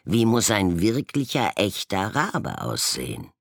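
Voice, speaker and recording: A man's voice: on the low side, huge pitch swings, measured pace, gravelly, dry recording, clean studio sound, voice pushed up, heavily acted. A man voicing a curious, thoughtful male snowman in a storybook fable. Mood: musing.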